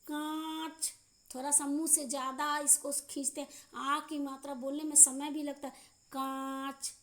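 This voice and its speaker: A woman teaching a children's grammar lesson, reading word pairs aloud slowly and drawing out the vowels. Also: high-pitched, flat delivery, a bit bright. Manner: slow, drawn-out pronunciation drills with repeated word lists. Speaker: primary school teacher. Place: school class video.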